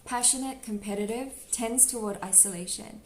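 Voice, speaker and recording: Speaking at a moderate pace in a slightly high voice, a tarot reader chats to camera, giggling and leaning heavily on "like" as she gives a casual reading. She's in a room at home with birds close by, and the audio carries a roomy echo, faint ambience and a little hiss or hum.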